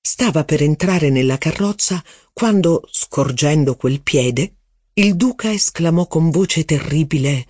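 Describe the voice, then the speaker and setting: A man reading a classic novel aloud in a measured literary narration. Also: a little high, lively intonation, a little mellow, no room sound, clean studio sound. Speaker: audiobook reader.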